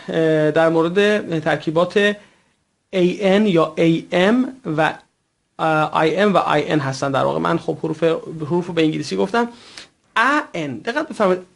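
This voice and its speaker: A man teaching French pronunciation, who speaks natively, patient and careful, stretching out words and repeating them slowly. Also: a little high, creaky. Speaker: language teacher. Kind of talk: recorded French pronunciation lesson.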